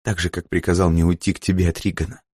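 A man reading an audiobook voices a frightened young woman who confesses in a soft, near-whispered voice and breaks into desperate cries. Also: deep voice, flat delivery, fast, slightly rough, no echo, clean studio sound. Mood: fearful hushed. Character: frightened young woman agent, tearful and pleading.

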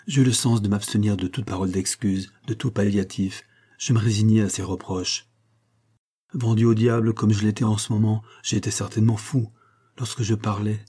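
Low, husky male audiobook narrator. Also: warm tone. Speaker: audiobook reader. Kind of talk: scripted narration of a novel.

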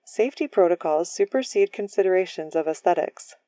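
A woman voicing a literal, precise female ship AI in a storybook reading, formal and deadpan. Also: lowish voice, a little fast, no echo, natural voice.

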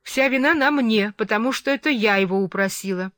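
A headstrong young woman , as the reader of a storybook puts her on, talking back boldly in a raised, high voice. The sound is dry and close-miked. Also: brisk, a bit bright, dry recording, natural voice. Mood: defiant. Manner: bold, raised, defiant.

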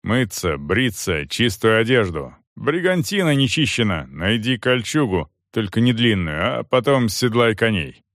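A man voicing a stern, weary medieval soldier who gives curt, unhurried commands. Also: fairly low pitch, big pitch swings, a bit bright, no room sound, studio quality, full character voice.

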